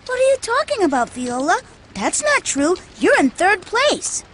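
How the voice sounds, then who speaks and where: A woman voicing an earnest, good-natured young boy in a video game, with an expressive delivery. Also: extremely high pitch, measured pace, a little hiss or hum, exaggerated voice. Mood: pleading.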